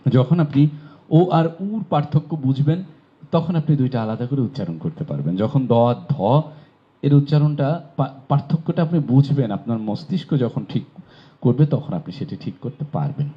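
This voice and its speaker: A man's voice: medium pitch, very animated, normal speed. A man from Bangladesh teaching pronunciation in a classroom lecture, explaining patiently and asking rhetorical questions. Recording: dull lo-fi recording.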